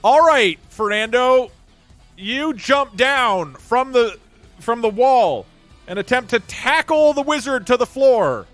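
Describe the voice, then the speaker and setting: High-voiced man running a tabletop game. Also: slow, faint music behind. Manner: lively, incredulous asides. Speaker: game master.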